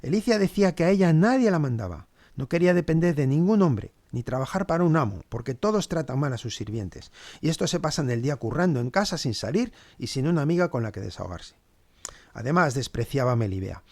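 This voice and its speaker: A man's voice: fairly high pitch, sing-song, fairly quick, darkish tone, no room sound. A man playing a cynical male servant, telling the story with sardonic, dry asides. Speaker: podcast storyteller. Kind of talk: scripted two-hander narration.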